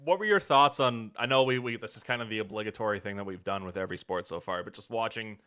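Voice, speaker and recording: Lowish voice guy talking fast about sports, bright and clear. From Toronto, Canada. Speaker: podcast co-host. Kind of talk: casual sports chat.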